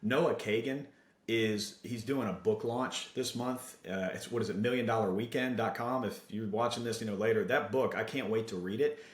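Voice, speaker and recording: Low-voiced man, energetic storyteller. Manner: energetic storyteller, motivational, fast asides. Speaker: podcast guest, digital marketing agency owner. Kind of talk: casual interview chat. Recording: roomy echo.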